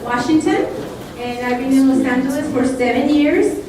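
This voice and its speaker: A woman from Mexico, a real estate broker, giving an unhurried, friendly introduction at a club meeting. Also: high voice, darkish tone. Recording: echoey room, mic at a distance, some noise.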